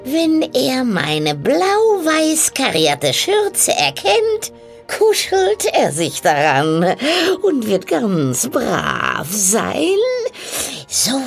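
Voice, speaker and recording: A woman voicing an ugly, sly old witch with a croaking voice, in a cackling, drawn-out sing-song. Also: sits high, voice pushed up, heavily acted. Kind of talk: storybook reading.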